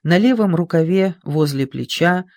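An audiobook narrator reading a war novel in an even, unhurried storytelling manner. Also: mid-range voice, dry recording, studio quality.

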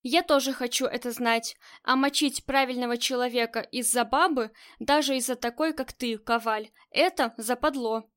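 A woman voicing a gruff, short-tempered male crime boss in an audiobook, swearing and barking orders. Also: fairly high pitch, steady tone, moderate pace, few pauses, a bit bright, close to an everyday voice. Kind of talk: audiobook character reading.

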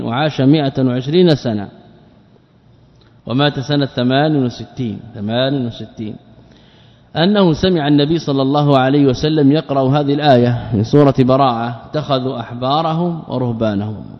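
A man giving a religious lesson, explaining terms and grammar and putting questions to his listeners. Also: mid-range voice. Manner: explains words and grammar, asks the audience questions. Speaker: Islamic scholar teaching a book. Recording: dull lo-fi recording with long hall reverb.

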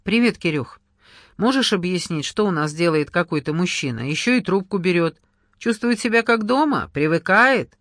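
A light, ironic husband in an audiobook, voiced by the narrator, teasing and good-natured. Close, dry sound. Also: male voice, a little high, big pitch swings, moderate pace, no echo. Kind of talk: audiobook character reading.

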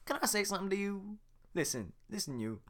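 A man voicing a hyper talkative, boastful male donkey in a fan reading of a cartoon script, with fast, excitable chatter. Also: sits high, voice pushed up, exaggerated voice. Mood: excited.

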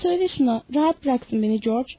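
A woman's voice: high-pitched, brisk, breathy edge, dry recording. A woman voicing a frightened, simple-minded giant farmhand, pleading and whimpering in a dull, lo-fi audiobook reading. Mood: terrified.

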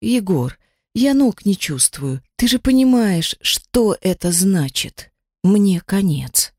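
A dying young woman fighter, as the book's reader puts her on, speaking softly and haltingly through the pain, her voice rising and falling in wide swings. Tender and close to tears, with the audiobook in a dry, close, unechoing sound. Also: medium pitch, animated, no room sound. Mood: pleading.

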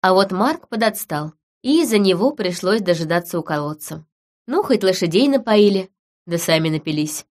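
A woman narrating a story in the first person with even storytelling. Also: medium pitch, normal speed. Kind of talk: scripted narration.

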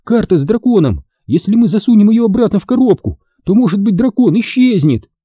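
A man voicing a frightened, quick-thinking young girl who speaks breathlessly and urgently in a storybook reading. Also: high voice, expressive, warm tone, breathy edge, no echo, studio quality, voice pushed up.

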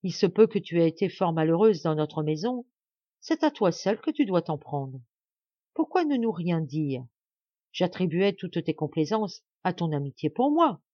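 A woman's voice: fairly low pitch, big pitch swings, moderate pace, warm tone, dry recording, lo-fi sound. A woman reading a novel aloud, voicing a proud and cunning young noblewoman who speaks coldly and with control. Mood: reproachful. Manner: cold and controlled, then coaxing.

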